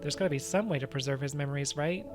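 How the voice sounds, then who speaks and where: A blunt, hot-headed monster man, as a player plays him talks in rough slang. Game music runs beneath. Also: medium pitch, fast talker, natural voice. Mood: frustrated.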